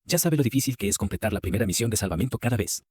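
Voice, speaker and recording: A loyal, grumbling sailor pleads with his captain in a storybook recap, read by a man. His voice is low and husky, and his lines come slow and drawn out. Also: animated, a little mellow, no echo. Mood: pleading.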